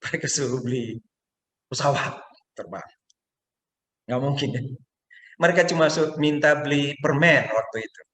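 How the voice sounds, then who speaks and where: A man's voice: mid-range voice, normal speed, long pauses. A middle-aged man with an Indonesian accent preaching a sermon, telling stories and acting out quotes. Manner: animated storytelling, acts out quotes. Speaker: pastor. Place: church hall. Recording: echoey room.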